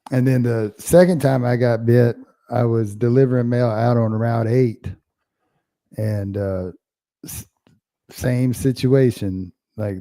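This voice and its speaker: A man's voice: medium pitch, dark tone. A man co-hosting a podcast, telling stories in a loose, rambling casual chat with plenty of slang. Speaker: podcast co-host.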